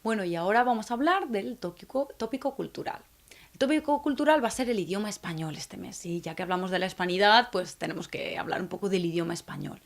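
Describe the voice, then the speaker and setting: A woman from teaching Spanish to learners, speaking slowly and clearly and often checking in with the viewers. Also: medium pitch, expressive. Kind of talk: scripted video lesson for learners.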